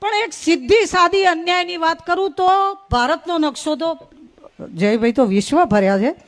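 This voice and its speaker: A middle-aged woman from North Gujarat, speaking in an extremely high voice at a moderate pace, gives a humorous, folksy storytelling talk as a guest speaker at a religious gathering.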